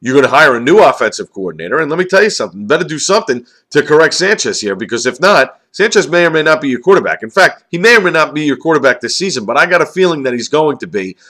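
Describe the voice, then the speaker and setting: A man's voice: on the high side, big pitch swings, fast talker, hardly any pauses, sharp tone. A man giving an opinionated football commentary, emphatic and ranting, full of rhetorical questions. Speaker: sports commentator.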